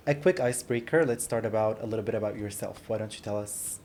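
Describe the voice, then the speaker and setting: A man hosting a podcast, putting friendly questions to a guest in a relaxed interview. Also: fairly low pitch, fast talker. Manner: friendly, question-led, occasional restarts. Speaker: podcast host. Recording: faint background noise in a studio.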